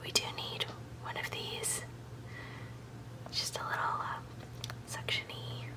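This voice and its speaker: A woman speaks entirely in a soft ASMR whisper, sounding a little distant from the microphone. She guides listeners through a recipe as the host, with chatty, instructional asides. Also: takes it slowly. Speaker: video host.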